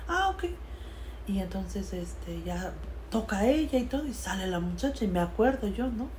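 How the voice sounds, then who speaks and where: A Mexican woman telling a personal story in a casual, conversational way, with frequent fillers and a voice that trails off softly. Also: mid-range voice, moderate pace, a little hiss or hum. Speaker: storyteller sharing a personal experience.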